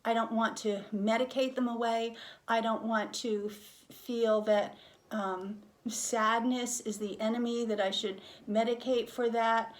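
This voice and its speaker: A woman's voice: fairly high pitch, steady tone, a little slow. A woman speaking frankly and reflectively as she leads a candid, conversational interview, stressing her points. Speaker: interviewer and hospice patient.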